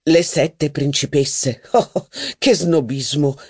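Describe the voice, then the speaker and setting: A man reading an audiobook, voicing an amused, sardonic aristocratic gentleman with a slow drawl. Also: high-pitched, very animated, voice pushed up.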